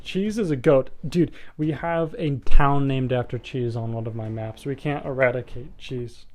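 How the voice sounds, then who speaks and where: A man's voice: medium pitch, normal speed, darkish tone. Chatty young man streaming a board game. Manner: chatty, joking, talks to chat, many fillers. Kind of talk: casual live-stream game chat. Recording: music faintly behind the voice.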